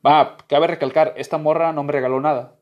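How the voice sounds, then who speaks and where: A man's voice: fairly high pitch, brisk, muffled recording. A young man with a Mexican accent telling a casual anecdote, swearing freely and acting out what people said. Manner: profane, animated, acts out quotes. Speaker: storyteller.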